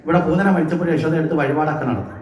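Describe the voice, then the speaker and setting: A man's voice: fairly high pitch, steady tone, racing, a little mellow, echoey room. A man giving a devotional scripture discourse at a temple, often asking the listeners questions and answering them himself. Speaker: religious discourse speaker. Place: temple hall.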